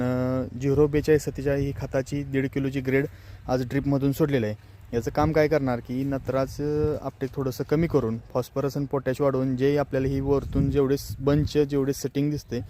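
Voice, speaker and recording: A man's voice: medium pitch, dark tone, slight background noise. A man hosting a farming vlog, walking through a tomato field and explaining plainly to fellow farmers. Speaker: farming channel host. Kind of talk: casual field walkthrough vlog.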